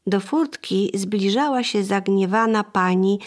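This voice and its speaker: Woman narrating an audiobook, steady measured reading. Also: medium pitch. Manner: even, measured storytelling. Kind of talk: scripted narration.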